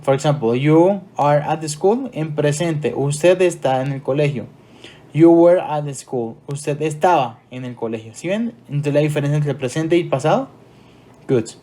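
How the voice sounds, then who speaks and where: A man with a Colombian Spanish accent teaching an English grammar lesson, switching between Spanish explanations and slow English examples. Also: a little high, warm tone.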